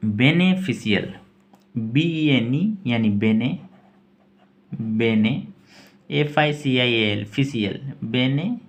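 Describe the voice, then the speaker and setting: A man teaching English pronunciation, spelling each word letter by letter and repeating it slowly. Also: mid-range voice. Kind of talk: slow pronunciation lesson.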